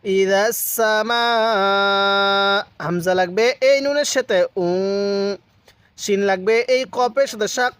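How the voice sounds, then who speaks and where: A man's voice: high voice, moderate pace, no echo. A man teaching a Quran reading lesson, patiently spelling out letters and syllables one by one. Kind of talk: step-by-step recitation lesson.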